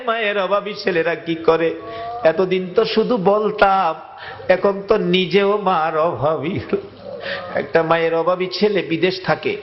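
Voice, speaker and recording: A high-pitched male preacher with a pours out a wailing, half-sung sermon. He draws his words out slowly and pleads with his listeners. The recording sounds dull and lo-fi. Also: slight background noise.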